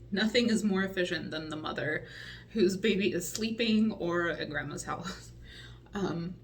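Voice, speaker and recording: Slow-talking breathless woman in her forties. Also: lowish voice, distant mic, slight background noise. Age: 40s. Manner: rambling with many ums, chatty and upbeat. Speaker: vlogger. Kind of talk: casual pregnancy update vlog.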